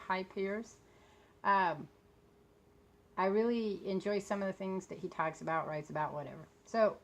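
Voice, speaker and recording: A woman in her late fifties with a fairly low voice, chatting in a loose, rambling way. She sounds tired and under the weather with a sore throat, and her words come out a little off because of a swollen lip. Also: fairly bright tone. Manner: talking a bit funny from a swollen mouth. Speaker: vlogger talking about books and authors. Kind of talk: casual rambling chat.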